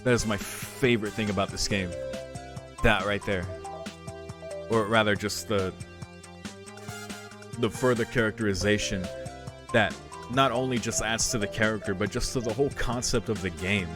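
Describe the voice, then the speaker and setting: Game music plays as the man reads a visual novel's text aloud and reflects on it casually during his let's play. His low, steady voice moves at normal speed, broken by long pauses.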